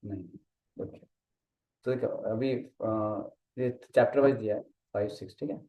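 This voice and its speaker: A man's voice: fairly low pitch, a little slow, warm tone. A man teaching a casual Gita study class, mixing Hindi and English, explaining step by step and often checking that the listener follows. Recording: dull muffled sound in an echoey room.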